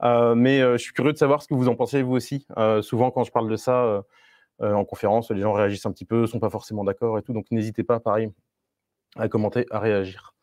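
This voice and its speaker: A man's voice: fairly low pitch, fairly even intonation, fast talker, a little mellow, dry recording, clean studio sound. A man talking to a live online meetup audience as a Scrum Master, in a conversational way with many fillers and restarts and a few playful asides.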